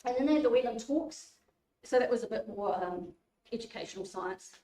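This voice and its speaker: A woman giving a relaxed public talk, informal and chatty with many fillers and restarts. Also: a little high, brisk, recorded from a distance. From New Zealand. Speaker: guest speaker. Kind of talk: public lecture. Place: community hall. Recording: echoey hall, voice from afar.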